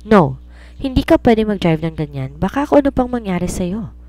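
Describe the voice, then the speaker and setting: A woman's voice: medium pitch, very animated, normal speed, dark tone, no room sound, lightly acted. A woman voicing a desperate young woman pleading with the man she loves in an audio romance story. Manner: pleading, emotional.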